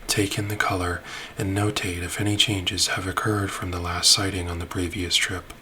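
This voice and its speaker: A man narrating a space-ship ASMR roleplay in a soft, soothing voice that drops into whispers. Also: sits low, level tone, normal speed, slight background noise.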